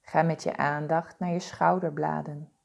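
Slow, mellow-voiced woman guiding meditation. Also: sits low, vocal fry. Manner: slow, soothing, calm instructions. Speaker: meditation guide. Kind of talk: guided body-scan meditation.

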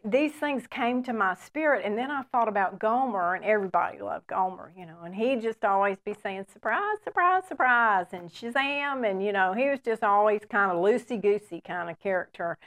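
Woman in her sixties, Bible teacher, earnest, conversational, frequent amens, medium pitch.

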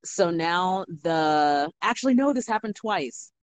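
A young woman, a bartender, telling stories in a casual, animated chat full of fillers. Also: lowish voice, a little slow, smooth. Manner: animated storytelling with many fillers. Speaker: guest bartender.

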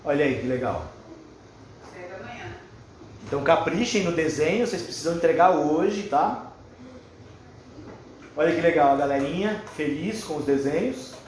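This Brazilian-accented man has a fairly high, expressive, slightly mellow voice, and he speaks at a measured pace with frequent pauses. As a workshop leader in a spacious indoor classroom, he encourages the children much as a kindergarten teacher would, giving simple instructions and asking checking questions. The room echoes and a faint background noise is audible.

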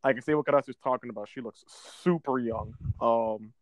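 A man with a mid-range voice talks a little fast on a casual video game podcast he co-hosts. He rambles and often stumbles over his words, and the recording has no echo.

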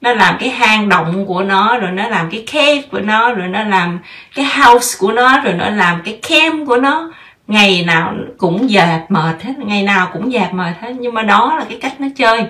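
A woman's voice: mid-range voice, lively intonation, moderate pace, bright, forceful tone, distant mic. A woman in her thirties hosting a podcast, giving casual parenting advice in a chatty way and slipping English words into her talk.

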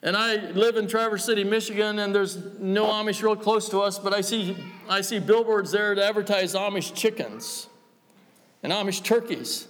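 An American man preaching a revival-style sermon, emphatic and exhortatory, with deliberate pauses and rhetorical questions. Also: high-pitched, a bit bright. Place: large church or hall, preaching to a congregation. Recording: echoey hall with long reverb.

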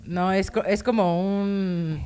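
Young woman, Mexican accent, live-stream co-host, crude slangy banter, reads stories aloud, mid pitch. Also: fairly even intonation, slow, warm tone. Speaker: podcast co-host. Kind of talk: casual live-stream chat.

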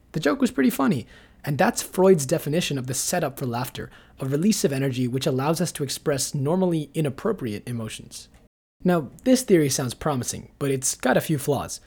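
Husky man narrating an essay. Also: on the high side, a little mellow. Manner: measured, analytical explaining. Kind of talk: scripted narration.

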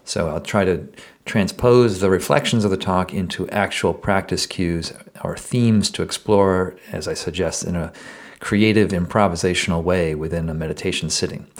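A middle-aged man with a very low voice introduces his meditation podcast in a loose, conversational way. He wanders a little, fills pauses with ums and uhs, and often corrects himself mid-sentence. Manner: relaxed, rambling, with many fillers and restarts; hesitant self-corrections. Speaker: podcast host and meditation teacher. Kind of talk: casual spoken podcast intro.

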